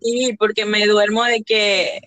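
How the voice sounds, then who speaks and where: A woman's voice: mid-range voice, level tone, slow, fairly bright tone. A young woman, co-hosting a casual podcast chat in a blunt, teasing way. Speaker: podcast co-host.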